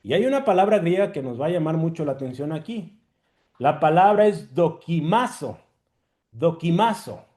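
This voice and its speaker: High-voiced preacher teaching a sermon. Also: male voice, expressive, dark tone. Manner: teaching, repeats key words slowly and asks "¿sí?".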